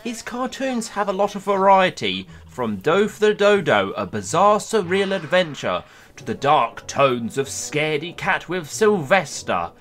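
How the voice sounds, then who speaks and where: A man hosting a video, reading a scripted countdown narration in a playful, lively way. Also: a little high, a little slow. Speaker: YouTube host.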